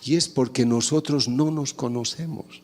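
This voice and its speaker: A man's voice: medium pitch, moderate pace, darkish tone. A man giving a lecture, explaining ideas and acting out little family dialogues to make his points. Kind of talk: conference talk. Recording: long hall reverb.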